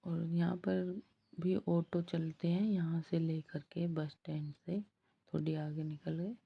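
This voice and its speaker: A woman vlogger narrating her pilgrimage walk in a soft, devout way. She has a husky, strained voice from ongoing throat trouble. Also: on the low side, level tone, dull audio. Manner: slow, soft-spoken and devout. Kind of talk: travel vlog voice-over.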